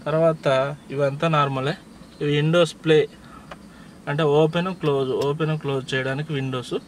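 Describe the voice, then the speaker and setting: A man's voice: fairly high pitch, fairly even intonation, normal speed, a little hiss or hum. Telugu-accented man explaining step by step. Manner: patient, plain step-by-step explaining. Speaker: driving instructor. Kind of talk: casual how-to explanation. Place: inside a parked car.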